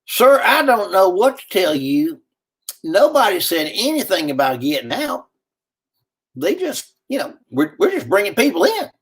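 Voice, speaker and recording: A man voicing a baffled, polite male soldier with a husky voice. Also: high-pitched, wildly swooping pitch, a little slow, a bit bright, voice pushed up, exaggerated voice. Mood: helpless.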